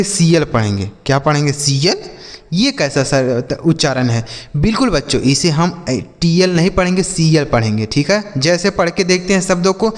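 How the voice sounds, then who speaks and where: Calling his viewers children and brother, a male English teacher who hosts a channel gives a spoken English lesson, spelling each word letter by letter, repeating, and quizzing the students he calls children. He speaks at a fairly high pitch in a big-room sound.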